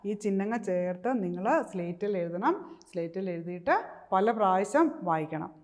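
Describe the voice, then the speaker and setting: A woman with a Malayali accent teaching a kindergarten reading lesson, sounding out syllables slowly and coaxing the children to repeat after her. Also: fairly low pitch, a little mellow. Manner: slow, coaxing call-and-response with drawn-out syllables.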